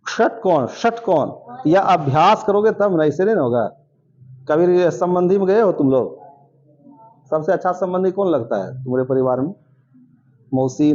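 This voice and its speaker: A man's voice: on the high side, a little mellow, dull audio. A man teaching a classroom lecture, drilling sounds aloud and quizzing his students. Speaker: coaching teacher.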